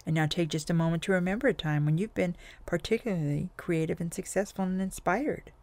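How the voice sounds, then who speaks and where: A man leading a guided hypnosis session, with slow, soothing, drawn-out phrasing that often falls to a soft whisper. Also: high voice, dry recording.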